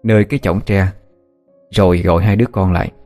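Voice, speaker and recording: A man narrates a story with a steady, measured delivery. His voice sits on the low side. Soft music plays quietly underneath. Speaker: audiobook narrator. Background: soft background music.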